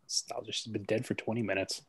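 Low-voiced man, dry and blunt. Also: level tone, fast, fairly bright tone, slightly rough. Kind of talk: casual chat.

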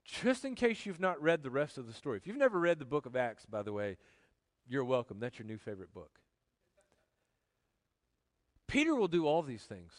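A man preaching a sermon as pastor, animated, swinging from loud emphasis to quiet joking asides. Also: mid-range voice, moderate pace, pauses often, dry recording.

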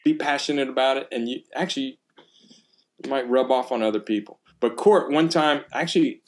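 A middle-aged man in relaxed conversation, his voice in an ordinary middle pitch. He tells stories with energy and acts out excited exclamations along the way. His delivery is loose and conversational. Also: normal speed. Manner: animated storytelling, acts out exclamations. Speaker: percussion teacher. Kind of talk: casual conversation.

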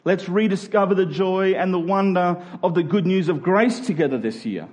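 The voice is a man's, high-pitched and darkish in tone, moving at normal speed. He's an Australian pastor giving a sermon, earnest and chatty in style, regularly turning questions toward his audience.

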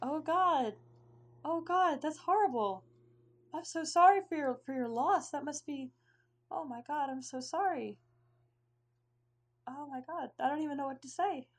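A woman's voice: sits high, expressive, moderate pace, fairly bright tone, pitched above the performer's own voice. A woman voicing a big friendly male dragonborn warrior who welcomes guests into his tent. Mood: shocked.

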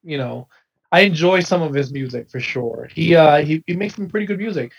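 Husky-voiced man in his thirties, rambling. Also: a little high, animated, a little fast, poor audio. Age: 30s. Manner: rambling, restarts, heavy swearing. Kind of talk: casual podcast chat.

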